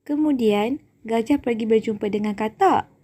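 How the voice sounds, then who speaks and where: A young woman, narrating a puppet show for children in a clear storytelling manner. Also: a little high, moderate pace, dark tone. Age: young adult.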